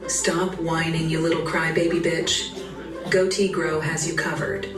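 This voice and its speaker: An actress playing a brash, mocking supplement announcer in a parody infomercial. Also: female voice, sits low, flat delivery, measured pace. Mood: brash, salesy. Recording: roomy distant playback with music.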